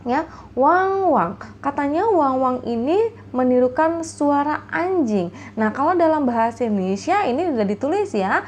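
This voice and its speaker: A woman teaching a language lesson, explaining each word slowly and playfully imitating animal sounds, with frequent tag questions. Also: sits high, expressive, a little mellow, a little hiss or hum.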